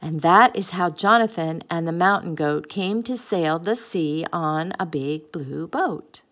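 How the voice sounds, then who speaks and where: A woman's voice: fairly low pitch, animated, measured pace, fairly bright tone. Woman reading a picture book aloud. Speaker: storybook reader.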